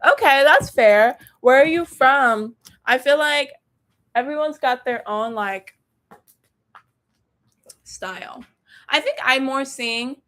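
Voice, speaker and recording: Young woman, slight Southern accent, slangy livestream chat, bit high voice. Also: slow, pauses often, a bit bright. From Texas. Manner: chatty, slangy, addresses viewers directly. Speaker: tarot reader livestreaming. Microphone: phone or laptop mic.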